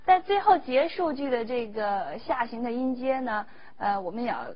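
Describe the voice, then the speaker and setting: Female music teacher, higher voice, measured explanatory delivery; dull recording, faint instrument behind. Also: expressive. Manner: measured, explanatory, demonstrates between phrases.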